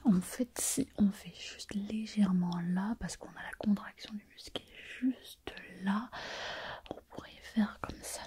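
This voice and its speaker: A woman's voice: mid-range voice, close to an everyday voice. Woman whispering as a chatty vain surgeon. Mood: focused whisper. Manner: soft whispering, chatty and self-satisfied. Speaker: ASMR performer. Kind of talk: ASMR roleplay.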